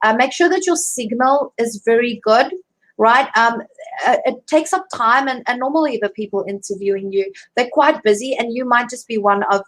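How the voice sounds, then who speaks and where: A woman with a South African accent coaches job seekers over a video call, her voice a touch higher than most. She talks in a chatty way and often restarts her sentences with fillers. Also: moderate pace, a bit bright, rough recording. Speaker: career coach guest. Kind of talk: live online interview.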